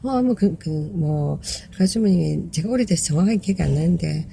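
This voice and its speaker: A middle-aged woman telling a personal story in a hesitant, soft-spoken way, full of fillers and restarts. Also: fairly low pitch, animated, brisk, gravelly, slight background noise.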